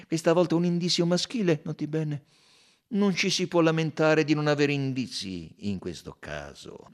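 A man's voice: a little high, voice pushed up. A man doing a sly, fussy little Belgian detective. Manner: muttering, sly and insistent.

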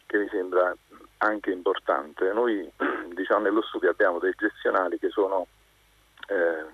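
A man with a very deep, husky voice calls into a live radio show, and he is heard over a tinny phone line. He speaks earnestly and methodically, going through his concerns point by point. The line sounds close and dry. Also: fairly even intonation, normal speed, dry recording. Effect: heard over a telephone line. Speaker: radio call-in caller, family doctor.

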